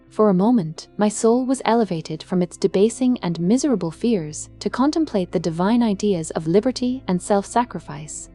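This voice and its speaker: Dark, mellow woman narrating gothic fiction. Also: mid-range voice. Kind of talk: dark scripted audiobook narration of a gothic novel. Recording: music behind the voice. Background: background music.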